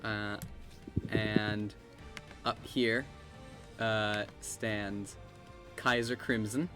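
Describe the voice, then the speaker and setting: A man's voice: on the low side, flat delivery, very slow, music in the background. A man running a tabletop game as dungeon master, talking casually with hesitant, stumbling restarts over an online call.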